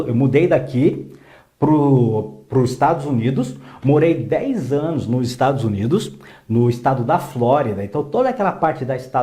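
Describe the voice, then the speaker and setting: Man, middle-aged, earnest, rambling answers, mellow voice. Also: medium pitch. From Curitiba, Brazil. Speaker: political candidate guest. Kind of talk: interview answers.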